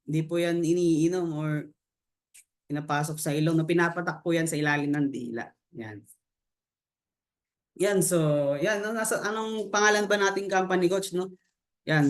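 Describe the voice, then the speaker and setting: A man giving a casual sales presentation, mixing English terms into his talk and tacking questions onto his sentences. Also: sits high. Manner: peppers talk with tag questions, mixes English terms into Tagalog; loose, halting delivery with restarts and fillers. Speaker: business opportunity presenter.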